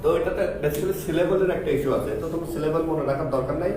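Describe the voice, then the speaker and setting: A man teaching grammar in a live class, drilling students with quick repeated questions. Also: on the high side, darkish tone, recorded from a distance. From Bangladesh. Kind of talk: live classroom lesson with call-and-response drills. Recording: echoey classroom from afar, student chatter.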